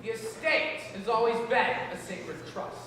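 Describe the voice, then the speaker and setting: A man's voice: very high-pitched, huge pitch swings, normal speed, a crowd in the background, full character voice. A teen boy playing a pompous stuffy son. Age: teens. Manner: stiff, lecturing stage delivery. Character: pompous stuffy adult son, easily exasperated. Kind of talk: high school stage play. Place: school theater stage. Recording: echoey hall from far off, faint noise.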